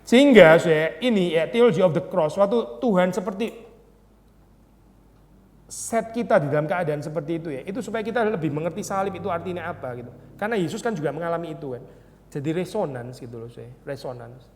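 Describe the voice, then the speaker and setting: Conversational pastor in a reverberant hall. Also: male voice, fairly high pitch, darkish tone. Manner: conversational, asks the audience rhetorical questions; reads English quotations slowly. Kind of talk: Bible study teaching. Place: church hall.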